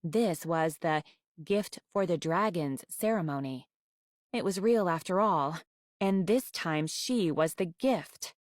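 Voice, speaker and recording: A woman reading a children's novel aloud with expressive, wry storytelling. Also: fairly low pitch, takes it slowly, no room sound, clean studio sound.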